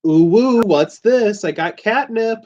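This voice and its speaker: A man's voice: sits high, lively intonation, slow, darkish tone. A man hosting a casual livestream chat, rambling and joking, swearing often. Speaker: podcast host. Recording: dull lo-fi stream audio.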